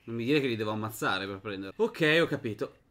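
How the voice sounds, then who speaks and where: Playing through a dark fantasy game, this young host keeps up loose, chatty let's-play talk aimed at both his viewers and the characters on screen. He speaks fast in a fairly low, bright, forward voice, bursting into excited shouts whenever fights get tense.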